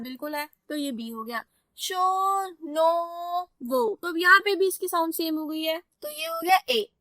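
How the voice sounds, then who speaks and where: Young woman tutor, bright tone, explains each step and keeps checking understanding. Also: sits high, dry recording. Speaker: teacher. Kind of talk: exam-focused poetry lesson in mixed Hindi and English.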